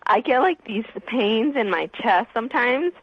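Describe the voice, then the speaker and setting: A woman's voice: a little high, animated, measured pace, slightly rough, dry recording. A twenty-year-old woman calling into a radio show, talking hesitantly and rambling with lots of fillers. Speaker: caller. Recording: muffled phone-in line.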